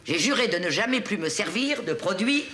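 A woman's voice: mid-range voice, expressive, brisk, a crowd in the background, close to an everyday voice. An actress playing a haughty, thrice-married middle-aged woman at a massage, ordering her masseur around in a pompous, bossy manner, in a TV sitcom. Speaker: spa client. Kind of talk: 1990s TV sitcom acting. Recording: TV sitcom audio with background noise.

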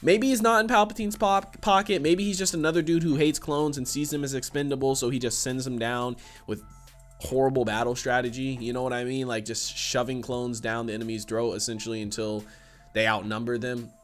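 A man's voice: medium pitch, steady tone, brisk, soft background music. A man in his twenties giving casual reaction commentary as host, slangy and profane. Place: small indoor room with shelves.

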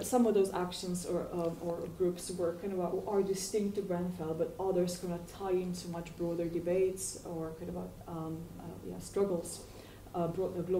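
A woman in her forties speaks on a panel in a low, mellow voice, halting often with ums and restarts. She is picked up from across a university seminar room, so the sound is roomy and distant, with faint ambience behind. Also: a little hiss or hum. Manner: hesitant, many fillers and restarts. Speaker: academic panelist. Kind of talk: academic panel response. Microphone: far room mic. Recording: echoey room from far off.

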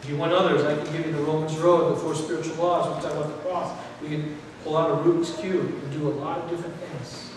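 A middle-aged man preaching a sermon in a church, animated, acting out what people think. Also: a little high, quick pace, hardly any pauses, background noise. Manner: animated, gesturing while preaching, acts out quoted thoughts. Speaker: pastor. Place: church sanctuary, indoors. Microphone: far camera, no mic worn. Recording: echoey hall from far off.

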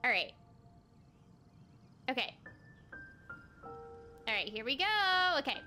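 A young woman game streamer with a high, bubbly voice chats casually during a livestream of her gameplay, with game music behind her. She takes her time, staying animated and giggly throughout.

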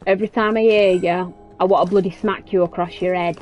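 A woman's voice: fairly low pitch, steady tone, fairly quick, darkish tone, lo-fi sound, soft background music. A woman giving casual let's-play commentary, blunt and teasing, with casual swearing. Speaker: gaming commentator.

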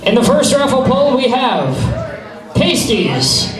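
A man with a very high, sing-song voice speaks slowly as he hosts a burlesque show and emcees a raffle on stage in a theatre-like venue. Into a handheld microphone, he projects loudly to the live audience with bawdy, teasing, profane showman's patter. The sound is distant and echoey in a hall, with a loud crowd.

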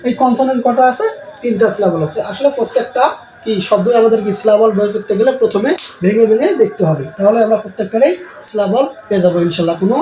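A man's voice: sits high, quick pace, dark tone. A male teacher, giving a classroom lesson and answering his own questions over and over. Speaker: English teacher. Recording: roomy sound with faint background noise.

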